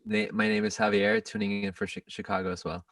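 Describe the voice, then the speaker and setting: A man speaks haltingly in a casual interview, often restarting his words. His voice is low and gravelly, and it swings widely in pitch. He sounds a bit off mic in a dry space. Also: very animated, a bit bright, no echo, far from the mic. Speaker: bassist, guest.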